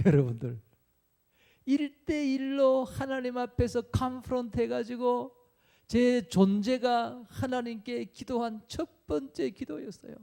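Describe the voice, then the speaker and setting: A man's voice: very high voice, gravelly, mellow. A male pastor preaching a sermon, telling a personal story and acting out his own pleading, tearful prayers.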